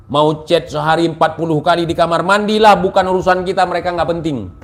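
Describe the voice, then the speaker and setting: A man giving a mocking, taunting political rant, sarcastic and repetitive, at times rising to shouts. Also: fairly high pitch, steady tone, quick pace. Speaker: political commentator.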